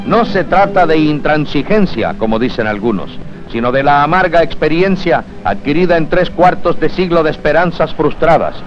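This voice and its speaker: A man's voice: on the high side, expressive, moderate pace. A man narrating in the formal, solemn, declamatory manner of an old newsreel. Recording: dull 1970s film soundtrack, music behind. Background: music.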